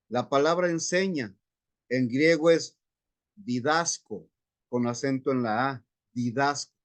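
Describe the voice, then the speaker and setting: Slow, measured male Bible teacher. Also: mid-range voice. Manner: unhurried, explains Greek words step by step. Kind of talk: Bible class lecture. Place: church classroom.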